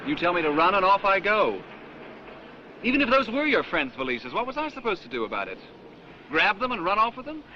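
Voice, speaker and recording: A man's voice: sits high, wildly swooping pitch, a little fast. A sarcastic, exasperated man. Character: skeptical, exasperated male companion. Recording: muffled old film soundtrack with hiss.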